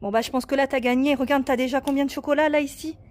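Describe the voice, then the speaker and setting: A woman guiding a child through a garden treasure hunt, patient and encouraging, spelling words out slowly letter by letter. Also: high voice, steady tone, a little mellow, a little hiss or hum. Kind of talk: casual family video chat. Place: outdoors in a garden.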